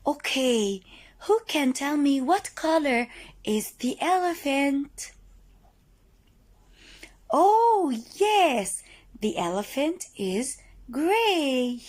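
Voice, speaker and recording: A woman teaching young children in the manner of a kids show host, with sing-song questions and praise and clearly repeated sounds. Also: high-pitched, animated, slow. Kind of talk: kids show host presenting an interactive lesson.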